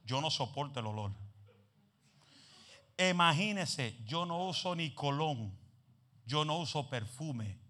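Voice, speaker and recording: A man preaching a sermon as pastor, telling humorous stories, mixing in English phrases and building up to shouted exhortations. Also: on the high side, expressive, slow, pauses often. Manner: drops English phrases into his talk; humorous storytelling.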